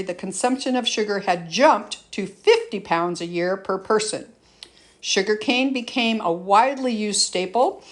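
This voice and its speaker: Woman narrating an educational nature-documentary style lesson. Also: mid-range voice. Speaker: teacher presenting an educational lesson. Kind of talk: scripted educational narration with casual asides.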